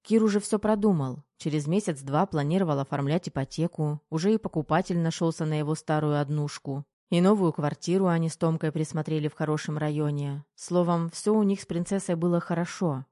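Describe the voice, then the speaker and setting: Mellow audiobook narrator, even steady reading, dry close sound. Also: mid-range voice, brisk, few pauses, no room sound. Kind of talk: scripted narration.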